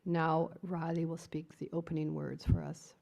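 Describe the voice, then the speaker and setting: A woman's voice: low voice, flat delivery, moderate pace, gravelly, mellow. A woman at a service who formally introduces the guest speaker, reading from a prepared text.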